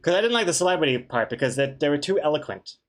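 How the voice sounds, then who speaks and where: A man's voice: on the high side, lively intonation, rapid-fire. A man chatting casually on a livestream as he works, rambling and playful, who can't pronounce his R properly and says it like a W. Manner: rambling, playful, easily amused. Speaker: comic artist and streamer. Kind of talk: casual livestream chat while drawing.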